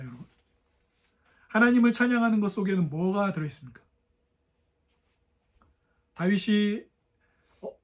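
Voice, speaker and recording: A young adult man preaching a sermon, asking the congregation questions and acting out the voices of mockers. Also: high-pitched.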